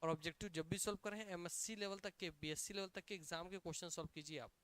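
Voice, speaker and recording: Fast and high-voiced, a man teaching a coaching class drills his students with repeated questions and answers. His Chhattisgarhi Hindi accent colors a lively, energetic, emphatic lecture.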